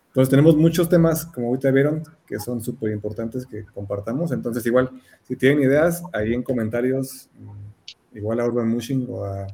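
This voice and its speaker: A man's voice: mid-range voice, mellow. A man co-hosting a live online talk show, earnestly urging listeners to share and follow. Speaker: podcast co-host. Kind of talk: casual live-streamed chat.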